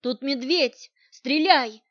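Brash young soldier, loud exclamations, audiobook figure, read by a woman, dry dull recording. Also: sits high, slow, no echo. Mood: agitated. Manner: shouted, exclaiming lines. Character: tough young male special-forces soldier, brash and panicky.

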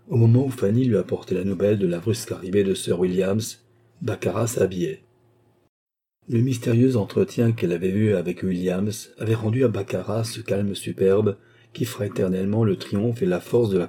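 Guy narrating an old novel, steady pace, lowish pitch, husky. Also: normal speed. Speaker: audiobook narrator. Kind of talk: audiobook narration of a classic novel.

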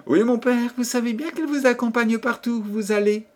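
A man voicing a modest, gentle young princess in a higher voice. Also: moderate pace. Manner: soft, demure.

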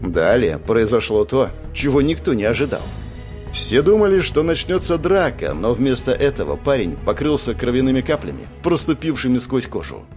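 A man narrating an audiobook and voicing the characters in a lively way. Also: moderate pace, soft background music. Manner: lively, shifts pitch for characters.

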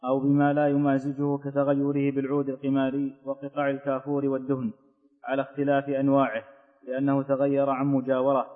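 A man reading a classical religious text aloud in a flat, steady recitation for his teacher. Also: medium pitch, fast. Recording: tinny, phone-like sound in a hall.

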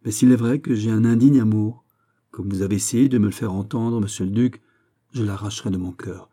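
A man's voice: fairly low pitch, steady tone, brisk, warm tone, natural voice. A man reading aloud, voicing an earnest young nobleman with a respectful, solemn manner.

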